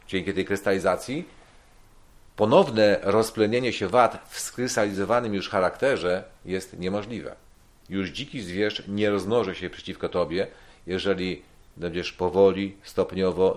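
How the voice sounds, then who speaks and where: A man giving a measured sermon-style Bible teaching, explaining verses slowly and repeating key points. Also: on the low side. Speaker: preacher.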